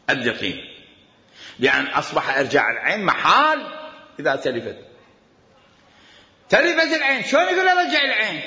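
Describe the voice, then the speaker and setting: A man's voice: on the high side, sharp tone. A man with an Iraqi accent teaching Islamic law, arguing his point, repeating quoted commands and firing off rhetorical questions. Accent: Iraqi Arabic. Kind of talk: jurisprudence lecture. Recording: echoey hall, dull lo-fi sound.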